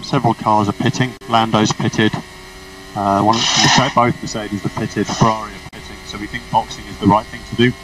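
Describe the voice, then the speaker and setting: A race engineer speaks briskly in a fairly low voice with little variation in pitch. His instructions are short and procedural, sent as a team radio transmission that sounds noisy and far off, with engine and car noise in the mix.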